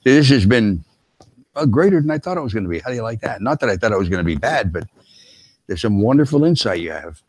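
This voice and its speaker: Older male podcast host, very deep voice, heartfelt and halting. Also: sing-song, husky. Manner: warm-hearted, emotional, halting restarts. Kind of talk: casual interview chat.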